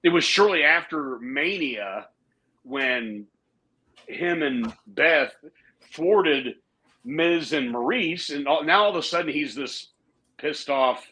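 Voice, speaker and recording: A man co-hosting a casual wrestling podcast, his voice bright and slightly high. He rambles through his opinions with restarts and asides. He slips into mocking, laughing voices. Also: lively intonation, slow, rough recording. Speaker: podcast co-host. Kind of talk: casual wrestling review chat.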